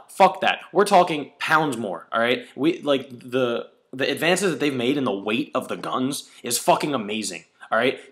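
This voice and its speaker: A man's voice: mid-range voice, bright, forceful tone. A young man giving an angry, profanity-heavy video reply, lecturing a critic. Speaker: paintball player replying to a commenter. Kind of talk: angry video response rant.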